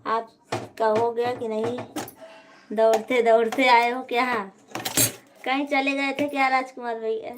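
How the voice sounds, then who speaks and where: A woman's voice: fairly high pitch, flat delivery, a little slow, long pauses, noisy background. A woman hosting a casual live stream from home, chatting and answering viewers' comments one by one.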